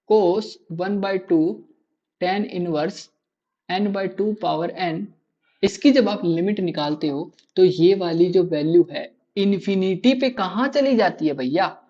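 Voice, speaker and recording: A man's voice: sits high, creaky, darkish tone, muffled recording. Drilling, quizzing male maths teacher. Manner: quizzes students with constant rhetorical questions; repeats key answers to drill them in. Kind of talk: live online class lecture.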